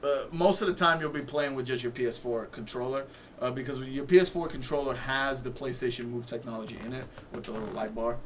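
A man co-hosting a casual gaming podcast at a middle pitch, chatty and loose, steering topics with plenty of "um" and "uh". A faint hiss of noise sits under his voice. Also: fast, fairly bright tone. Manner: loose and chatty, leads topics with many fillers. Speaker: podcast co-host.

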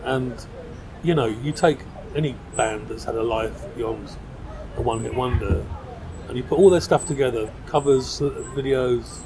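A middle-aged designer from South London, appearing as a podcast guest, chats casually in a pub interview with a mid-range voice at normal speed. His talk is loose, rambling and informal, with busy crowd chatter making the background noisy.

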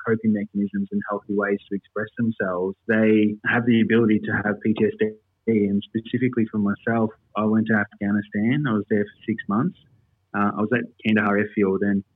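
Heard through a dull, lo-fi remote call, this interview guest is an Australian military veteran whose voice is husky and on the low side. He speaks earnestly with an Australian accent, explaining things, in a dry recording.

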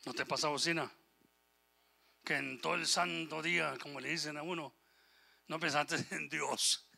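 Man preaching a sermon, impassioned, swings between loud and soft, very bright sharp voice. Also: on the high side, steady tone, moderate pace, creaky. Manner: impassioned, rising and falling in volume, quotes scripture and God's voice; switches briefly into English phrases. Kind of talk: Spanish-language sermon.

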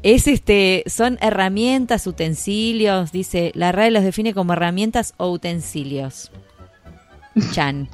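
A woman's voice: mid-range voice, takes it slowly, soft background music. A woman with an Argentine accent, chatting casually and playfully as a host, laughing often. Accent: Argentine Spanish. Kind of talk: casual chat.

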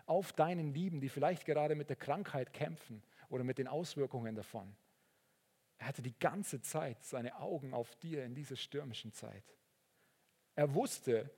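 A man preaching a sermon, earnest and sometimes rising into excited storytelling. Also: medium pitch, slightly rough. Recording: long reverb of a large hall.

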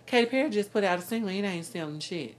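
A woman's voice: mid-range voice, animated, fast. A woman co-hosting a podcast, giving blunt, profane opinions in casual chat about music. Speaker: podcast co-host.

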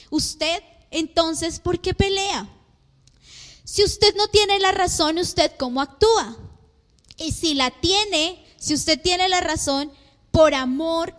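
A woman's voice: high-pitched, a bit bright. A woman in her thirties preaching a sermon, full of rhetorical questions to the congregation. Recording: long hall reverb.

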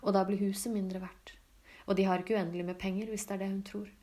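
A woman reading literary fiction aloud in a calm, even, low-key way. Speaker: audiobook reader. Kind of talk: scripted literary narration.

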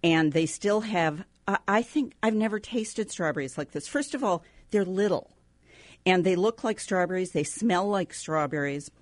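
A woman's voice: on the low side, normal speed, dry recording. A middle-aged woman hosting a food podcast, chatting enthusiastically and laughing easily. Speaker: podcast host. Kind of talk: casual food podcast chat.

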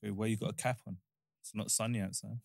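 A man's voice: on the low side, fairly even intonation, fast, vocal fry, darkish tone, dry recording, clean studio sound. A man, in casual slangy banter.

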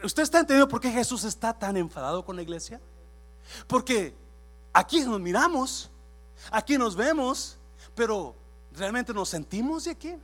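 A man with a strikingly high voice preaches a sermon from a church pulpit. He presses his points by repeating phrases and firing questions at the congregation. He slips English words into his talk as he goes. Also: very animated, moderate pace, long pauses, fairly bright tone. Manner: drops English words into Spanish. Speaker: pastor.

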